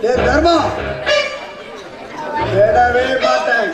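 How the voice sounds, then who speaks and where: A man acting a leering, menacing village lecher in a stage drama, taunting slowly, recorded on an echoey stage with music and crowd. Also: extremely high pitch, exaggerated voice. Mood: threatening. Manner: slow, taunting, drawn-out delivery.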